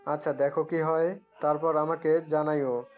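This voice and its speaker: Man as stern father, tinny and flat. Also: a little high, normal speed, lightly acted. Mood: resigned. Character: stern middle-aged father questioning his son. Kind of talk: scripted audio story acting. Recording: thin phone-like audio, music behind.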